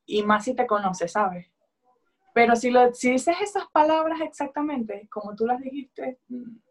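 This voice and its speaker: A woman in her twenties in casual chat, easygoing and a little hesitant, with fillers and pauses. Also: on the high side, animated.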